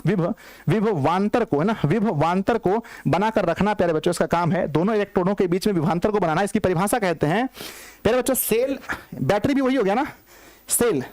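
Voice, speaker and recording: High-voiced man teaching, repeating himself. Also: darkish tone, no room sound. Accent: Bihari Hindi. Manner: repetitive, coaxing, asks and answers his own questions. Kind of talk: classroom physics lesson.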